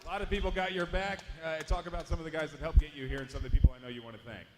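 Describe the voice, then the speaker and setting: A man working as cage announcer, calling out the winner in a booming, drawn-out voice and then interviewing the fighter. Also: steady tone, roomy sound, noisy background. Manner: booming announcer delivery, stretching out names.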